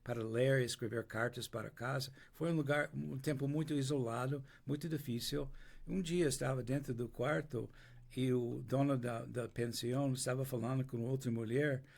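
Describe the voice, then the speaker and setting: This older interview guest from the United States, a first-language English speaker, tells his story in American-accented Portuguese. Slow, with many restarts and pauses as he searches for words, his mid-range voice is steady and darkish, with vocal fry.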